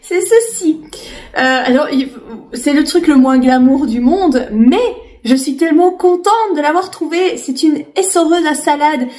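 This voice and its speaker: A woman's voice: high voice, a little slow, darkish tone, reverberant. A woman in her late thirties chatting casually in a vlog, with lots of fillers and restarts. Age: 30s. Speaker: vlogger. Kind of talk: casual chat.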